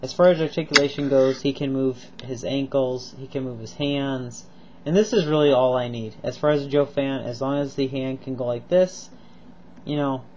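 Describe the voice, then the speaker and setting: In a casual home video, a stuffed-up, coughing man with a cold reviews toy figures, rambling enthusiastically with plenty of ums and repeats. His voice is mid-pitched, and the lo-fi recording carries a little hiss or hum.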